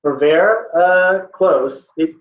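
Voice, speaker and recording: A man's voice: sits high, very slow. Playful male tutor quizzing a class. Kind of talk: online test-prep class. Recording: echoey, dull lo-fi sound.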